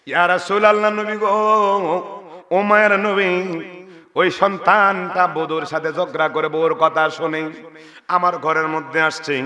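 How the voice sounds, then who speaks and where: A man's voice: a little high, steady tone, measured pace, sharp tone. A man voicing a grieving old mother who is sick and cast out, in a wailing lament. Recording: long reverb of a large venue.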